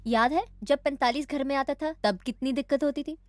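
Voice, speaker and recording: A woman's voice: sits high, a little fast, no echo, close to an everyday voice. An actress playing a blunt, mocking divorced wife who insists on her alimony, in a film comedy. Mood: teasing. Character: sharp-tongued divorced wife demanding alimony.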